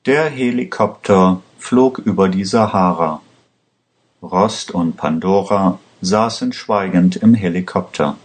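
A man reading a story aloud in a slow, measured way. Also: deep voice. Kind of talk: scripted storybook narration.

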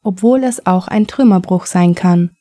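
A calm male surgeon, read by a woman who explains things in a measured way. The voice is mellow and dry. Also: fairly low pitch, dry recording, lightly acted.

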